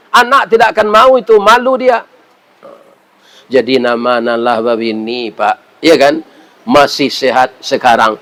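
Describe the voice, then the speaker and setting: A man's voice: on the high side, gravelly, low-quality recording. A middle-aged man with a Minangkabau accent preaching a sermon, telling stories with humor and asking his listeners "ya kan?". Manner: storytelling with humor and rhetorical "ya kan?".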